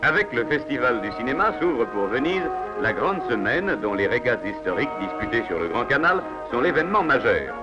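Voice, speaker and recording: A man's voice: medium pitch, sing-song, a little fast. A man reading scripted 1950s newsreel narration in a formal, declamatory announcer's manner. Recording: dull 1950s film soundtrack. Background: loud background music.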